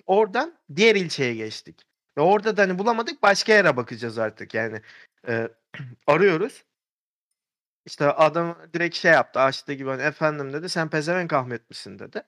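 A man tells a story in a loose, rambling way, filling gaps with "uh" and starting over mid-sentence. His voice sits a little high for a man. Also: a bit bright. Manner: rambling, many fillers and restarts. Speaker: podcast storyteller. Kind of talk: casual storytelling chat.

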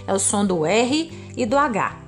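A woman from Brazil with a Brazilian Portuguese accent, teaching English pronunciation on a podcast, modelling words slowly and deliberately. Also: medium pitch, very animated, soft background music. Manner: slow, deliberate, drawn-out word modelling.

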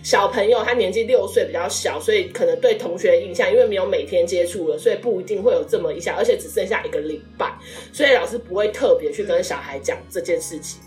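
A woman's voice: medium pitch, fast talker, hardly any pauses, far from the mic, faint music behind. A woman in her thirties, a guest in a casual chat, telling a personal story with feeling and acting out what people said. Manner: emotional storytelling, animated quoted speech.

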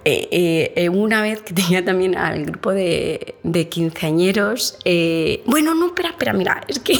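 A woman tour guide in an interview, telling her work stories in a lively way and acting out the dialogue. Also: lowish voice, normal speed, gravelly. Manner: animated storyteller, acts out dialogue with many restarts.

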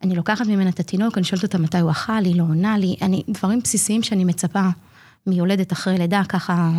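A woman in her forties, a community nurse, telling a personal story in an interview, acting out what people said and pausing often to hesitate. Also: medium pitch, husky. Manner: earnest, animated retelling that acts out quoted dialogue; frequent hesitation fillers. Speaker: community child-health nurse.

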